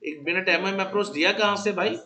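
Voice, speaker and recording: Man, classroom lecture, high pitch, sharp bright tone, teasing, dictates slowly. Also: roomy sound. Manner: teasing, mixes English into Hindi, dictates notes slowly. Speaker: commerce teacher.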